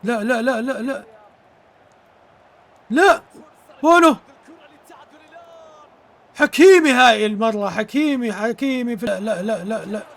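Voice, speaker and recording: A man's voice: very high voice, lively intonation, unhurried, creaky, long pauses, a bit bright. A man streaming a football video game, commentating live, exclaiming in bursts, repeating words and thanking his viewers. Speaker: gaming streamer.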